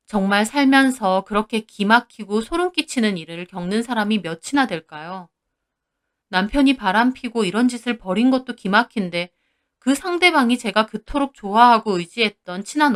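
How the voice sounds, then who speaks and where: A woman's voice: medium pitch, fairly bright tone. A woman narrating her own story in the first person, retelling it dramatically and emotionally.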